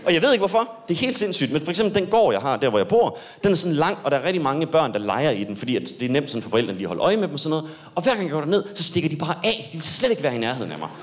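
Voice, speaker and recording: A young man doing a stand-up comedy set on stage, telling a story with animated delivery and sudden high yelps. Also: few pauses.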